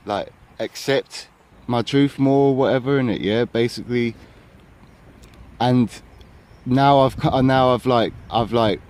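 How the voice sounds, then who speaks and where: A man's voice: medium pitch, a little mellow, a little hiss or hum. A man rambling through a spiritual vlog, filling his talk with tag questions, recorded outdoors on a handheld phone. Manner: rambling, filler-heavy, tags lines with "innit, yeah?". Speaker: vlogger. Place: outdoors in an urban area. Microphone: handheld phone camera.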